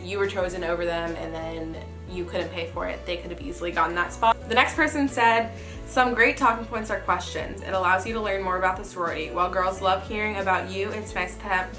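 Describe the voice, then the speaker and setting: A young woman talking in a chatty, informal way, giving casual advice in a vlog style. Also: on the low side. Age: young adult. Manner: chatty, informal, frequent "super" and "like". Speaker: sorority member giving recruitment advice. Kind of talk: casual advice vlog, reading messages and commenting.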